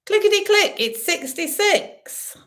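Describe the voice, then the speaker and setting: A woman working as a bingo caller, reading out numbers digit by digit with drawn-out pauses and chatty, informal asides to the players. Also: extremely high pitch, lively intonation, a bit bright.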